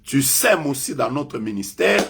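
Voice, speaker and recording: Over a noisy background, a French-speaking prophet conducts a live online prayer in an unhurried, sing-song, creaky voice of medium pitch. His declarations are forceful and repetitive, and they abruptly grow loud.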